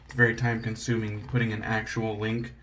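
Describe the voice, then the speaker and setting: A man's voice: lowish voice, monotone, fairly quick, fairly bright tone, a little hiss or hum. A man hosting a shaving channel, chatting casually and rambling while he shaves at home, joking about himself and swearing now and then. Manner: laid-back, rambling, self-deprecating, swears casually.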